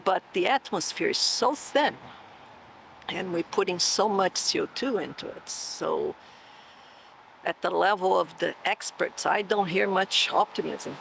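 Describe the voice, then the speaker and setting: Her voice is gravelly, a bit bright, fairly low, and unhurried, and the poor audio carries slight background noise. She is a cell biology professor in her sixties from southern Brazil, speaking with a Brazilian Portuguese accent as she reflects on oral history interview questions, often tacking on "right?".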